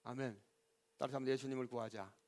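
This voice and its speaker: A man's voice: mid-range voice, fairly even intonation, quick pace, a little mellow. A male pastor preaching a sermon in a church, asking rhetorical questions, answering them himself and calling on the congregation for an amen. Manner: call-and-response, repeatedly asking the congregation for amen. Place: church sanctuary.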